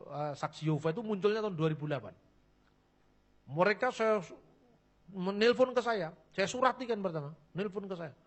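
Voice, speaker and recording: A man gives a lively religious lecture in a fairly high voice. He is blunt and mocking, and acts out the people in his anecdotes as he tells them. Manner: blunt, mocking and joking, acting out quoted people.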